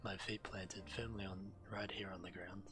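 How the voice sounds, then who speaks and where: A low-voiced man streams a video game, reading the quest text aloud at a moderate pace in a flat delivery and tossing in casual commentary. Game music plays behind him throughout.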